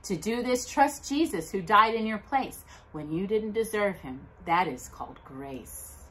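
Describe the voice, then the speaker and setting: A middle-aged woman hosts a children's storytime from her living room, seated indoors by a brick fireplace. She reads Bible verses and a children's Christmas book aloud in an expressive, deliberate, dramatic way, with emphatic pauses. Her voice is medium-pitched, and the rough recording carries a little hiss or hum.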